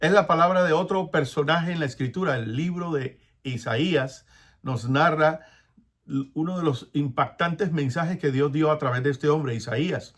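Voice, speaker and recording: A man preaching a sermon, acting out biblical dialogue with soft, prayerful asides and breaking into laughs between phrases. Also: fairly high pitch, moderate pace.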